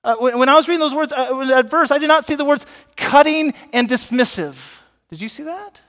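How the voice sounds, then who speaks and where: A man delivers a sermon from the pulpit, lively and engaging, often turning to quiz the congregation. His voice sits high for a man. The sound carries a long reverb from the church sanctuary. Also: a little fast. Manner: animated, asks the congregation questions. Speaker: pastor.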